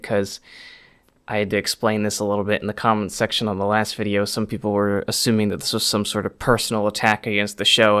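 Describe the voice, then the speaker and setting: A man's voice: on the low side, fairly bright tone, smooth. A man giving an unscripted, conversational news update as a video host, rambling a little, his speech slightly slurred and stiff-mouthed after dental surgery.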